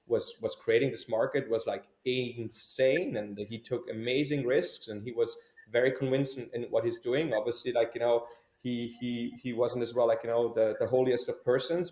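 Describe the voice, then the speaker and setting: A man's voice: mid-range voice, darkish tone. A young man from Switzerland, an entrepreneur answering interview questions in a hesitant way, with many fillers and restarts. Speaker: entrepreneur guest. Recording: echoey room.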